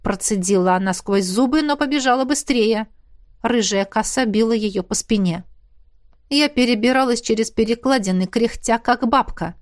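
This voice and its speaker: Female audiobook narrator; steady first-person storytelling, high-ish, dry. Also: moderate pace, no room sound.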